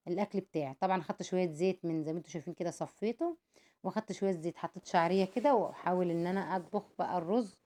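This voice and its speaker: A woman with an Egyptian Arabic accent, narrating a home cooking vlog in a chatty way. She explains each step, calls her viewers "my dears" and adds prayers for them. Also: lowish voice. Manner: warm and devout, calls viewers "my dears", prays for them often.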